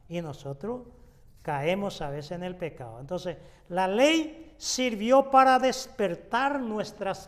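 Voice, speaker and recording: Higher-voiced man teaching in a reverberant room. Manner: unhurried, explanatory, frequent "eh" fillers and restarts. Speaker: pastor teaching a Bible study. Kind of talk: exegetical Bible teaching.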